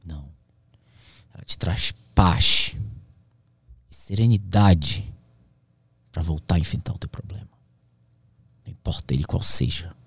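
A man's voice: low voice, measured pace, creaky, pauses often, slightly rough, no room sound. A man, a pilot who is a podcast guest, telling his survival story in a slangy, intense way that sometimes drops to a whisper. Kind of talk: emotional storytelling in casual conversation.

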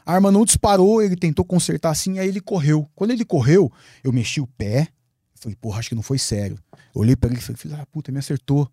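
Guest, male, from Brazil; mellow, dry-miked podcast storyteller, profanity and lively re-enactment. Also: fairly high pitch, quick pace, husky, no echo. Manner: lively, swearing, acts out his own past words. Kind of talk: animated storytelling in a podcast interview.

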